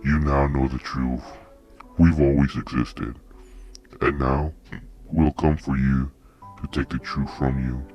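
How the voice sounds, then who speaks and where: A man voicing an ancient, menacing demon creature with a deep, demonic, distant-sounding voice and slow, threatening delivery. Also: little pitch movement, a little mellow, highs cut off, faint music behind.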